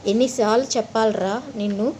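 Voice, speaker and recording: A woman's voice: mid-range voice, steady tone, fairly quick, dark tone, a little hiss or hum, lightly acted. A woman voicing a possessed young girl who turns harsh and hostile in a horror story. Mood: angry. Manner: hostile, commanding.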